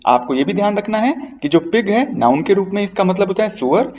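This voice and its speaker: A man's voice: sits high, expressive, brisk, a little mellow. A man teaching a grammar lesson, chanting word forms in a rhythmic sing-song and addressing students fondly. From India. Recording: dull audio from a distance.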